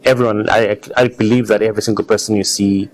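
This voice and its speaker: A car designer from Zimbabwe, appearing as an interview guest, tells personal stories in an earnest, conversational way and chuckles readily. His voice is on the low side, his delivery flat, and he talks fast.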